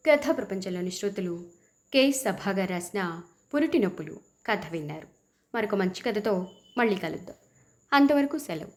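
Woman narrating an audiobook story. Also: mid-range voice. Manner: measured, expressive reading.

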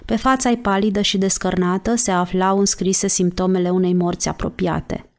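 A woman narrating an audiobook chapter in a slow, measured reading voice. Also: medium pitch, steady tone. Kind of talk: scripted narration.

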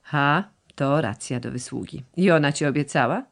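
A woman voicing a calm, cold and stern giant of a man who speaks in short, blunt questions, in an audiobook. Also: sits low, moderate pace, gravelly. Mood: curt.

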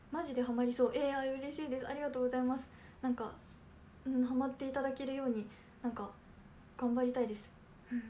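A young woman from Kanagawa hosting a casual livestream, reading viewer comments aloud and answering politely with lots of soft fillers. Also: sits high, a little hiss or hum. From Kanagawa, Japan. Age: young adult. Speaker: idol trainee hosting a livestream.

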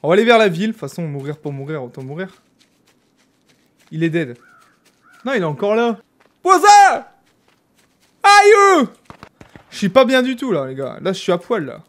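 A young man from France giving casual, animated commentary as he streams a game. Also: a little high, quick pace, pauses often. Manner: chatty, animated, jokey, exclaims loudly. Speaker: gaming streamer. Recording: faint background noise.

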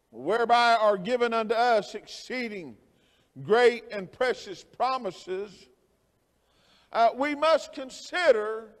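A man preaching a sermon as pastor, slow and halting with many fillers and repetitions, rising to emphatic near-shouting. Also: very high voice, big-room sound. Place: church sanctuary.

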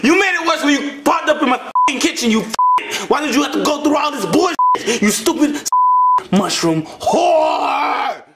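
A man's voice: high voice, sing-song, measured pace, very noisy, heavily acted. A man voicing a bumbling, hot-tempered chef who whines and swears. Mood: flustered. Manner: whiny, swearing, flustered. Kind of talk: puppet comedy skit acting. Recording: roomy echo, faint music.

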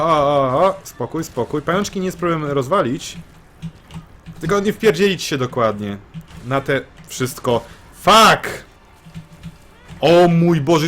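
A man giving excitable let's-play commentary, swearing and repeating phrases in bursts. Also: medium pitch, slight background noise. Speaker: gameplay commentator.

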